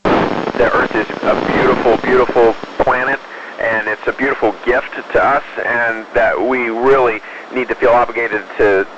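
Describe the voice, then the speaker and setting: A man, an astronaut, answering questions over a space radio link in a measured, explanatory way with hesitant pauses. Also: mid-range voice, fairly even intonation, dull audio, noisy background. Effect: space radio transmission. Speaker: astronaut aboard the space station. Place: inside an orbiting space station.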